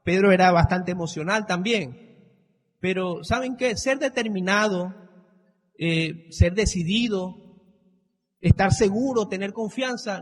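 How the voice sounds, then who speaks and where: Animated preacher, high voice, echoing church, dramatic quotes. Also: male voice, slightly rough. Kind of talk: sermon.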